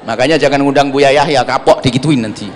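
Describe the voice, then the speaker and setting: A man preaching a sermon, humorous and animated, slipping into little acted asides. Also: mid-range voice, quick pace, slight background noise. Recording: long hall reverb.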